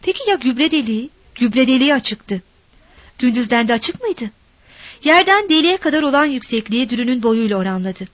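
A woman reading a novel aloud as narrator, in a steady storytelling manner. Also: on the high side, brisk, no echo.

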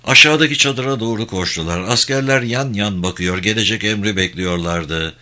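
Brief: male audiobook narrator, steady delivery, forceful bright tone. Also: lowish voice, moderate pace. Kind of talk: scripted narration of a war novel.

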